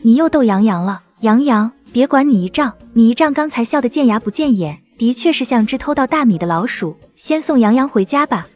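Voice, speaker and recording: A woman playing a gentle young aunt in an animated drama, who explains things patiently and soothingly. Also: on the high side, brisk, few pauses, close to an everyday voice.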